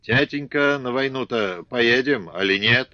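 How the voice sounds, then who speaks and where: A man voicing a slow-witted, indifferent young peasant who talks sluggishly. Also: medium pitch, bright, forceful tone, no room sound, muffled recording. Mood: dull.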